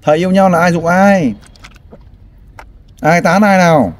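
A man's voice: high-pitched, measured pace. A man hosting a street interview, prompting and sympathetic, often sighing. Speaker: host interviewing a family. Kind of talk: street interview, casual and caring.

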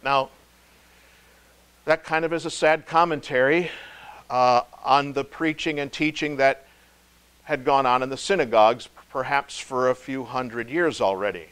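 A male pastor giving a devotional sermon, emphatic, slowing to stress key words and dropping low and soft. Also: steady tone, smooth. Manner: emphatic, slow stress on key words, wide swings in loudness.

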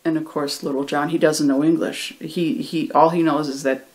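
A teacher retelling a chapter of a novel for English learners in a relaxed, conversational way. The delivery is loose, with frequent restarts, and the characters' lines are acted out. The voice sits at an ordinary middle pitch. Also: moderate pace. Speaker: ESL reading teacher. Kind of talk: casual retelling of a book chapter.

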